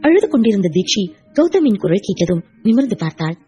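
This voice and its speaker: A woman reading the narration of an audiobook in a steady storytelling manner. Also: mid-range voice, fast, husky, soft background music.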